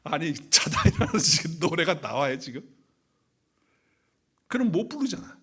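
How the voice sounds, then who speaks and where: Chatty storytelling pastor. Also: male voice, on the high side, big pitch swings, moderate pace, fairly bright tone, breathy edge. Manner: conversational, storytelling, chuckling. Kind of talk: sermon. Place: church sanctuary.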